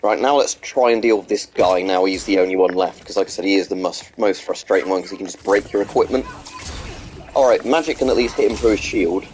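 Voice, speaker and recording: During a casual live stream, a man comments on his game with a low, fast, darkish voice, and a bit of hiss or hum sits in the audio. His talk rambles as he responds to chat between plays, full of hesitations, ums and restarts. He sounds slightly congested, with a bit of a sore throat.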